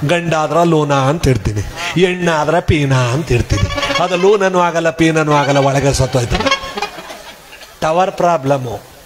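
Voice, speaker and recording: A man telling a humorous devotional discourse, lively and acting out villagers' voices. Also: fairly high pitch, a little slow, music in the background. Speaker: devotional storyteller.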